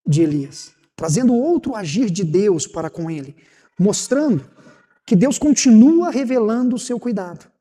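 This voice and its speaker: High-voiced pastor preaching in a reverberant church. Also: male voice, warm tone, breathy edge. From Brazil. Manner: conversational preaching, rhetorical questions, acts out God's and Elijah's words. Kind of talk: sermon. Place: church sanctuary.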